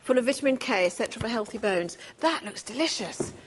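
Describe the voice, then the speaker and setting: A woman's voice: a little high, lively intonation, brisk, slight background noise. A woman presenting on a shopping channel, bubbly and gushing as she leafs through a cookbook with a chef guest. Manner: bubbly, gushing over food. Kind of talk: studio presenting.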